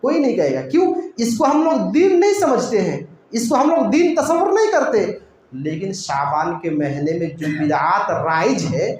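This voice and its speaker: A man's voice: high voice, big pitch swings, moderate pace, darkish tone. A man giving a religious lecture in a mosque, explaining a point step by step and asking rhetorical questions that he answers himself. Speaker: Islamic preacher. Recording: very echoey room, faint noise.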